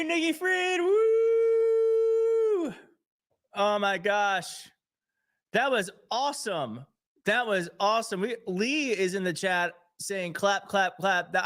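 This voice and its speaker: A young male host talks to his live-stream audience in an earnest, openly emotional way. His voice sits a little high, and he speaks with heartfelt warmth about what he believes in. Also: takes it slowly. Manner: emotional, earnest, self-deprecating. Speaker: show host.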